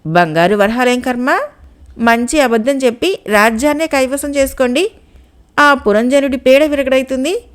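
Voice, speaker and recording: Outspoken fed-up wife, sharp and scolding, as a lady storyteller reads her. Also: sits high, normal speed, natural voice. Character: indignant middle-class wife, outspoken.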